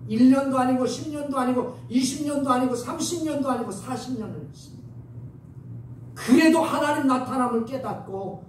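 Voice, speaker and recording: A male pastor preaches with a high, animated voice, coaxing his listeners to answer back. He sounds far from the mic, with the sound ringing through a very echoey church sanctuary under a faint hiss. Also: normal speed. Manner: lively, coaxing the congregation to respond. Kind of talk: sermon.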